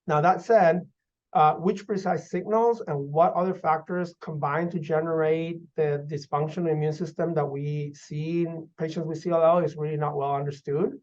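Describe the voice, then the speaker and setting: A man's voice: on the high side, fairly even intonation, normal speed, a little mellow. Man explaining with frequent fillers. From Guatemala. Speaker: physician researcher. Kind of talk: interview answers. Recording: dull lo-fi audio.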